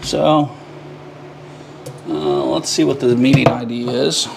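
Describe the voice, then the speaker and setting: A home DIY vlogger talks to the camera while working in a cramped attic, short of breath and muttering his frustration in bursts between bits of physical work. His mid-range voice is creaky and fairly even in intonation, he takes it slowly, and there is noise in the background.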